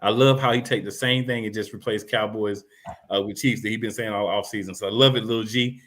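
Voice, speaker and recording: A man's voice: lowish voice, steady tone, a little fast, a bit bright. A man hosting a casual sports podcast, laid-back and friendly as he reads viewer comments aloud. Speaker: podcast host reading comments.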